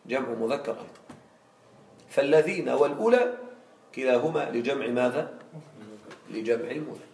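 A male teacher giving a classroom grammar lesson, regularly checking understanding with quick questions to his students. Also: medium pitch, expressive, darkish tone. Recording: echoey room, far from mic.

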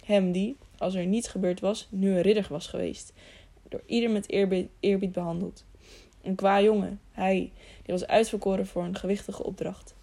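A woman narrating a children's audiobook in a steady storytelling manner. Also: mid-range voice, normal speed, creaky. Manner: steady storytelling, slight stumbles. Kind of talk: scripted narration.

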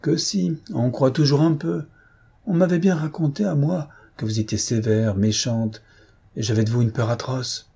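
A man voicing a lively, candid young wife in a read-aloud novel, raising his voice for her. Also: mid-range voice, normal speed, gravelly, slightly rough, pitched above the performer's own voice. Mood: earnest.

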